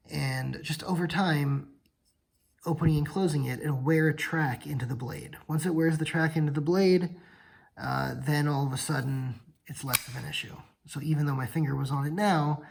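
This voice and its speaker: Sleepy guy rambling thru a knife demo, raspy kinda fried voice, keeps correcting himself. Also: fairly high pitch, fairly even intonation, moderate pace, poor audio. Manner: rambling, self-correcting explanations. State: tired, yawning late at night. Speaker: knife channel host. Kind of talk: casual hands-on demo vlog.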